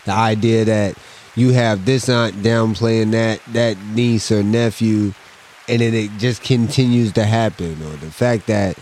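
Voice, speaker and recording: A man's voice: on the low side, fairly even intonation, unhurried, a little mellow, slight background noise. A man co-hosting a casual podcast, telling family stories and ranting playfully with frequent swearing. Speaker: podcast co-host. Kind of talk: casual chat.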